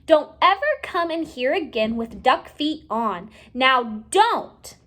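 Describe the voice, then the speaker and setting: A woman's voice: high-pitched, big pitch swings, slow pace, a bit bright, heavily acted. A woman voicing a stern mother in a children's storybook, scolding and giving firm, emphatic orders. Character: stern, scolding mother laying down house rules. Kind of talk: children's storybook read-aloud.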